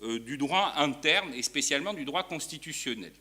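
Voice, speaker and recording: A man presents a law paper at an academic conference, thinking aloud as he goes. His voice is bright and forward, and his delivery is halting, with frequent fillers and self-corrections. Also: a little high, expressive. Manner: hesitant, many fillers and restarts. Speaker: law professor. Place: university lecture hall.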